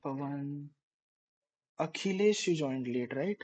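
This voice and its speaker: A man's voice: a little high, animated, slow, darkish tone, low-quality recording. A man hosting an online cybersecurity mentoring session, speaking with many fillers and restarts. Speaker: community session host.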